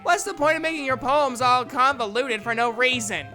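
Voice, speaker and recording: A woman's voice: fairly high pitch, animated, moderate pace, sharp tone, faint music behind. A woman voicing a feisty, blunt, easily angered teenage girl in an anime visual novel fandub, with a snappy, confrontational manner. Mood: angry, insistent.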